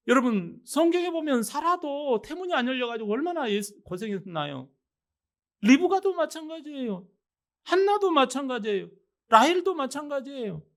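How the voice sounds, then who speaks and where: A male pastor delivers a Sunday sermon in a notably high voice. He preaches emphatically and keeps turning to the congregation with rhetorical questions. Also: fairly bright tone.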